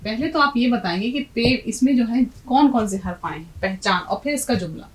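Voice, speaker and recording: A woman's voice: on the high side, lively intonation, rough recording. A middle-aged woman teaching a language lesson, patiently explaining letters and quizzing her students. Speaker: Urdu teacher.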